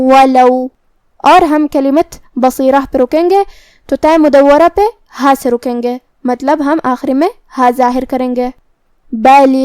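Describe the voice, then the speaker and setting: A woman with a high voice teaches the rules of Quran recitation. She goes through each letter in a calm, methodical way. The recording is dry and close, with no room sound. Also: no echo. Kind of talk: tajweed lesson, explaining rules.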